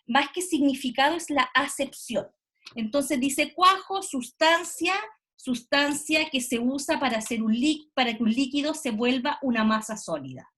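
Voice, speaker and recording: Lady teaching kids online, kinda high voice, keeps checking they follow. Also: fairly bright tone. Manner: explanatory, frequent "¿cierto?" check-ins. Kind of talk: online class explanation. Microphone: video call.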